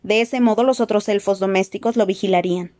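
A calm, courteous old wizard, as a woman reading aloud puts him on. He speaks in a measured, polite way with quiet good humor. A storybook voice close to the reader's own. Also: mid-range voice, lightly acted. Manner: measured, polite, gently amused. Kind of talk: audiobook character voice.

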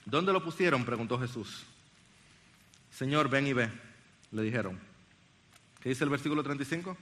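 A man's voice: medium pitch, lively intonation, normal speed, a bit bright. A man preaching a sermon, reading a Bible passage and putting earnest questions to his congregation.

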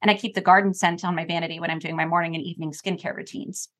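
A woman co-host of a podcast, reading an ad and chatting casually, playful and quick to laugh. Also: on the low side, flat delivery, fairly bright tone. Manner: laughs often, playful and teasing. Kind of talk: casual chat and read ad.

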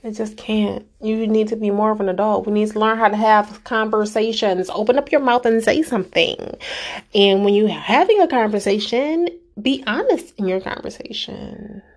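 A woman's voice: medium pitch, moderate pace. A woman vlogger giving a casual, emphatic rant straight to her viewers, exasperated and direct.

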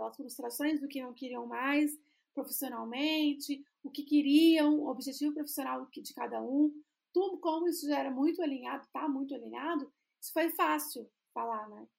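A woman's voice: sits high, creaky, a little mellow. A Brazilian woman co-hosting a podcast, chatting casually about branding and often restarting phrases as she searches for the right words. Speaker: podcast co-host, brand designer.

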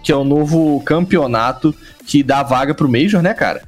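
A man's voice: a little high, moderate pace. A young man with a Brazilian Portuguese accent co-hosting a casual esports podcast in a blunt, exasperated, slangy style. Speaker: podcast co-host. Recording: music behind the voice. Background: background music.

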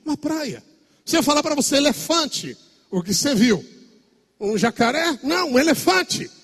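A man preaching a sermon as pastor with a Brazilian Portuguese accent, swinging between shouts and a sing-song preaching cadence. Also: extremely high pitch, big pitch swings, normal speed. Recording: long hall reverb.

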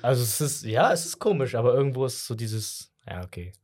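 Husky-voiced male podcast host. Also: mid-range voice, lively intonation, fast talker, a little mellow. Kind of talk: casual podcast conversation.

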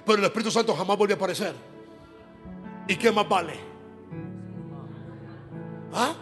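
A man's voice: high-pitched, moderate pace, fairly bright tone. A male preacher giving a fervent sermon, praying aloud, speaking in tongues and repeating phrases for emphasis. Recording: echoey hall with music behind.

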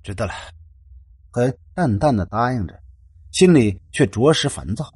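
Husky man reading a ghost story. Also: mid-range voice, moderate pace, no room sound. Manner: expressive, dramatic reading. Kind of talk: scripted ghost-story narration.

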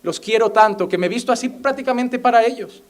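A man's voice: very high voice, quick pace. A young man preaching a fervent sermon as a pastor, often mimicking the voices of imagined people. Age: young adult.

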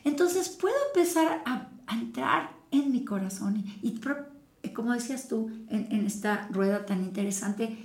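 A woman co-hosting a casual wellness chat, speaking in a calm, reflective way with everyday examples. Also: a little high, normal speed. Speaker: podcast co-host. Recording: echoey room.

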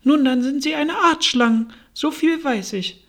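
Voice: high-pitched, a little slow, voice pushed up. A reader voicing a fretful, indignant mother pigeon in a storybook. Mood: scornful. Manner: shrieking, indignant and scornful. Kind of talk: storybook reading.

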